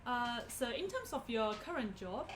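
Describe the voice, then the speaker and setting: A woman's voice: fairly high pitch, sing-song, normal speed. A woman interviewing a guest, asking questions hesitantly with many fillers such as "like" and "um". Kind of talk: casual interview. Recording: noisy background.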